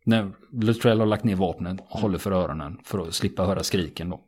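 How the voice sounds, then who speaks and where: A man retelling a true story in a relaxed podcast conversation, steady and matter-of-fact, with frequent small fillers. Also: low-pitched, husky.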